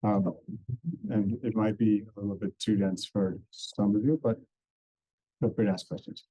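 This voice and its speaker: A man giving a dense, technical medical lecture at a conference, explaining step by step with relaxed asides. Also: on the low side, moderate pace, dry recording, rough recording. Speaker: conference speaker. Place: conference hall.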